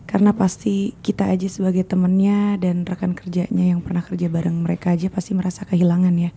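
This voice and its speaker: A woman hosting an interview podcast, asking gentle questions in a soft, often half-whispered way. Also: on the low side, completely flat delivery, fast talker, creaky, a little hiss or hum. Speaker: podcast host. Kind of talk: casual interview.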